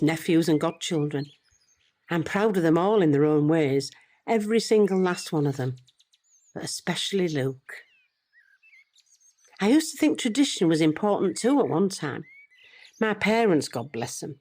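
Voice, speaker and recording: Voicing a loving, regretful British grandmother for an audio drama, an older woman confides her tale in a reflective, measured way. Her voice is low-pitched with a darkish tone, and she comes across as proud and fond.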